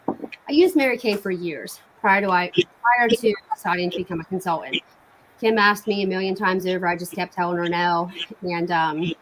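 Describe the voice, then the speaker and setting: An enthusiastic, informal woman giving a casual live-stream sales pitch as a cosmetics consultant hosting an online game night. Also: a bit bright, slight background noise, rough recording.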